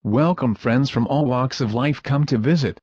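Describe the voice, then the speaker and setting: This is a man narrating a factory's promotional video from a script, in a mid-range voice at normal speed, slightly mellow and husky. He sounds stiff reading the clumsy, non-native English copy. The audio is dull, lo-fi and dry, without echo.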